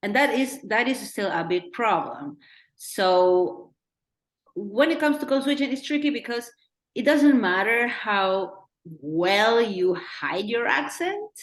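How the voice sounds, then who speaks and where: A middle-aged woman from Peru with a Peruvian accent, talking earnestly as a director in a Q&A and thinking out loud with restarts. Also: mid-range voice, animated, slow pace. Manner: earnest, thinking aloud with restarts and acted-out quotes. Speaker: documentary director. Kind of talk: Q&A discussion. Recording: roomy echo.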